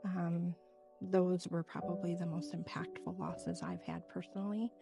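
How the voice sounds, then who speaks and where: A woman's voice: on the low side, sing-song, unhurried, creaky, music in the background. A middle-aged woman speaking as an interview guest in a reflective, conversational style. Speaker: guest, hospice nurse.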